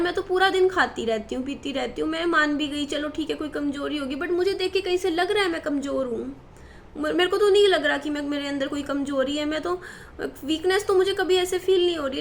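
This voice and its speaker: Speaking to the camera, a thirties-aged female vlogger has a high-sitting voice and a light hiss or hum in the background. Her personal talk comes out worried and meandering, packed with fillers and false starts.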